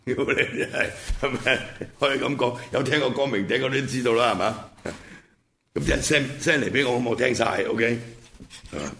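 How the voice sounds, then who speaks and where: A man's voice: mid-range voice, brisk, pushed and bright, slight background noise. A man with a Hong Kong Cantonese accent hosts an unscripted political commentary, speaking in blunt colloquial language and punctuating points with rhetorical check-in questions. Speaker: commentary show host.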